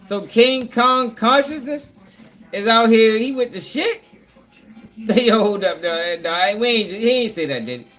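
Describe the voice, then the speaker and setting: Excitable high-voiced man reacting to clips. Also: unhurried. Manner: excitable, profane, laughs often, repeats "yo" and "y'all". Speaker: reaction video host. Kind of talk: casual reaction commentary.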